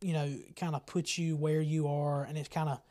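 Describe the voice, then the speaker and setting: A man's voice: fairly high pitch, level tone, moderate pace, dark tone. A man hosting a casual church talk show, asking rambling questions and affirming with amens. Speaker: host. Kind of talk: casual interview.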